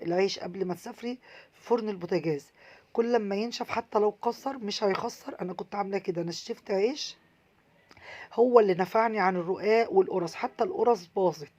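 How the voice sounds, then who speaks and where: A woman with an Egyptian Arabic accent giving casual, earnest travel advice, animated and repeating herself for emphasis. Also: medium pitch.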